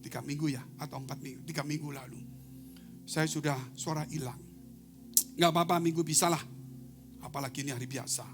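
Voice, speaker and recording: A male pastor preaching in a church service, with instrumental music playing behind him. He tells stories and keeps addressing the congregation directly. His delivery jumps from loud, ringing exclamations to hushed, almost whispered asides. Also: a little high, steady tone, fairly quick, long pauses. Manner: storytelling, addresses congregation as saudara. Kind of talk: sermon. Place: church service, online broadcast.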